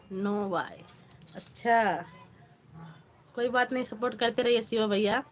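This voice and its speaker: A woman hosting a casual live stream on her phone, chatting with viewers, greeting them by name and asking for likes. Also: a little high. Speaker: livestream host.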